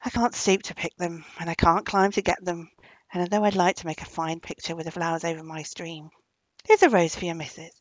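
Storybook role: woman doing a gentle, aching old cottage woman, husky and gravelly, close and dry. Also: lowish voice, fairly even intonation, brisk, no room sound, highs cut off, natural voice. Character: poor, kindly, aching old woman living alone.

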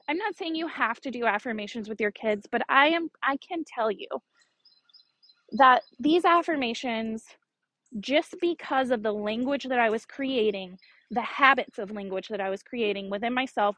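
A woman's voice: fairly high pitch, moderate pace, fairly bright tone, no room sound, rough recording. Chatty, earnest woman podcaster. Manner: chatty, earnest and encouraging, with small laughs. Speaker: podcast host. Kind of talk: casual solo podcast talk.

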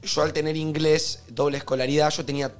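A young Argentine man with a Rioplatense lilt, talking quickly in a slightly high voice. He jokes and laughs through a casual group chat on a podcast. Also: level tone, soft background music. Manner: joking, chatty, laughs while talking. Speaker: podcast co-host.

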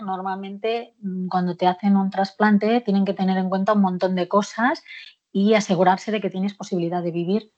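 A woman's voice: fairly low pitch, dull audio. A woman being interviewed about her own life, speaking frankly with frequent fillers and occasional laughter. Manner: warm and frank, laughs often, hesitant fillers. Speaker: guest, author of a memoir. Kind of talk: candid personal interview.

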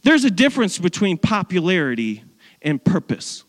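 A man preaching a sermon in an animated way, acting out biblical characters in playful voices. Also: sits high, moderate pace, in a large hall. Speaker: pastor.

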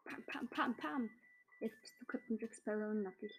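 A young woman chatting casually with a friend during a video game, playful and teasing, with quick yelps and slang. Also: fairly high pitch, slight background noise. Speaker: gamer. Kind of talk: casual gaming chat.

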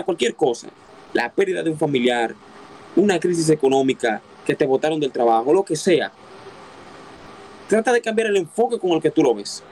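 A man's voice: a little high, a little mellow, a little hiss or hum, low-quality recording. A man preaching a sermon, emphatic, repeating key phrases and asking his listeners rhetorical questions.

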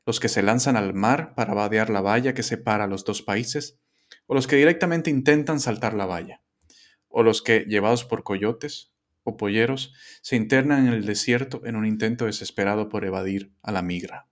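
A man hosting a podcast, reading a measured scripted introduction and asking his guest questions. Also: lowish voice. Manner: measured, reading names and titles carefully. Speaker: podcast host.

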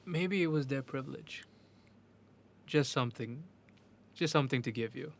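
Man, medium pitch, casual interviewer, affirming, reassuring, supportive. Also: moderate pace, slight background noise.

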